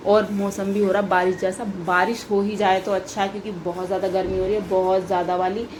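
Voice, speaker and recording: A woman's voice: medium pitch, level tone, quick pace, a little mellow, a little hiss or hum. A young woman vlogging at home by an open balcony, chatting casually and repeating herself as she complains playfully. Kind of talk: casual vlog chat. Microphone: camera on a tripod.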